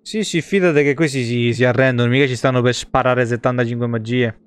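The speaker is a man in his thirties streaming a video game from a small indoor room, chatting colloquially over the action in an Italian accent and swearing from time to time. His medium-pitched voice is clear and resonant, fairly even in intonation and a little fast.

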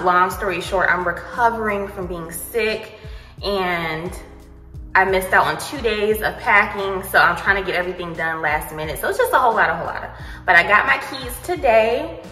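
A young woman vlogging casually, chatting straight to her viewers as she shows them around an empty apartment on a handheld phone. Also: fairly low pitch. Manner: animated, talks straight to viewers with lots of "y'all" and "honey". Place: empty apartment, kitchen and bare rooms. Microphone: phone camera, handheld while walking. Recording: echoey empty room with long reverb.

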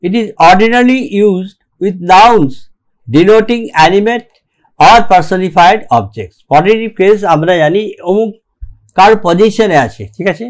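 A man teaching English grammar in a recorded lecture, reading rules aloud slowly and keeping checking that the class follows. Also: sits high, animated. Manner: slow and deliberate, reads English rules aloud, keeps checking "ঠিক আছে?".

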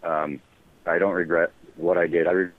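A man calling in as an interview guest, speaking in a halting, defensive way with many fillers. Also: deep voice, level tone, no echo. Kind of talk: live call-in interview. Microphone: phone call. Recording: tinny phone line.

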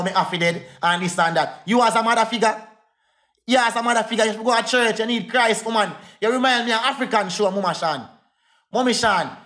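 His high voice sounds pushed and bright as this Jamaican Patois-accented man rants on a phone livestream. Angry and fast, he keeps repeating the same insults.

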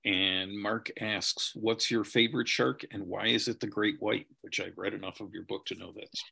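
A man's voice: on the low side, fairly even intonation, moderate pace, creaky, pushed and bright, breathy edge. A middle-aged man hosting a video Q&A, reading out audience questions with many hesitant ums. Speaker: host. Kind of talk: moderating a video Q&A.

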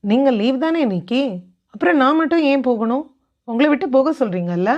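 A woman's voice: sits high, expressive, a little fast, a little mellow, muffled recording, voice pushed up. A woman voicing a stubborn, clingy young wife who pleads. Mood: pleading.

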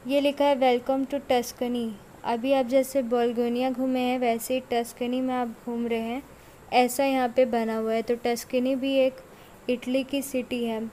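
A woman's voice: fairly high pitch, little pitch movement, a little slow, dark tone, slight background noise, poor audio. A young woman vlogger giving a casual walking tour of a large indoor mall, filming on a handheld phone and pointing things out again and again.

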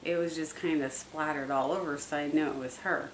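Low-voiced woman chatting in an echoey room. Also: steady tone, fairly quick. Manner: chatty, repetitive, many fillers. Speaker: dog owner vlogger. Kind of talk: casual how-to talk. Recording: echoey, distant from the mic, faint hiss.

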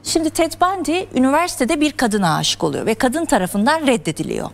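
A woman's voice: high voice, big pitch swings, fairly quick, creaky. A woman explaining psychology terms step by step as a guest on a television talk show. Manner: earnest, lecturing, explains step by step. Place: television studio.

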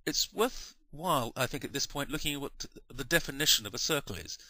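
A man talks through a maths lesson in a patient, measured way, pausing to correct his own slips. His voice is bright and clear. The sound is dry and close, with no room around it. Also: mid-range voice, animated, no room sound. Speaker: maths teacher. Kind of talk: explaining a maths lesson over diagrams.

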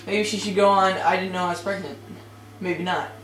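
A man's voice: high-pitched, fairly even intonation, moderate pace, a bit bright. A man hosting a let's play, giving playful, joking commentary and teasing the game's characters. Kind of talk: gaming commentary. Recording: echoey room with game music behind.

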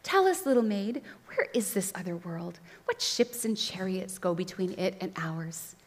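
A woman voicing a sweet-voiced scheming witch queen in a soft, soothing, quiet voice, recorded in a reverberant hall. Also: medium pitch, expressive, measured pace.

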